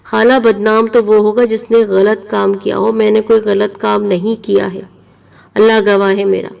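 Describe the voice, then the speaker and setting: A woman's voice: medium pitch, flat delivery, gravelly, darkish tone, recorded from a distance, highs cut off. Earnest, upset young woman, read by a woman narrator, a little off mic. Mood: pleading. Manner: pleading, earnest. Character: young woman student, hurt and pleading niece.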